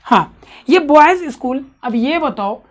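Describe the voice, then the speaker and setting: High-voiced woman teaching grammar. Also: expressive, takes it slowly. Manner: questioning, checks understanding often. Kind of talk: classroom grammar lesson.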